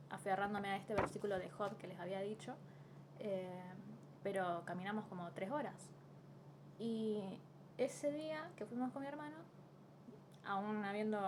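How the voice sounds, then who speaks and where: Earnest Rioplatense woman, noisy recording. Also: medium pitch. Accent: Rioplatense Spanish. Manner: earnest, reflective, hesitant with many fillers. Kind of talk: casual devotional talk. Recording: steady background noise.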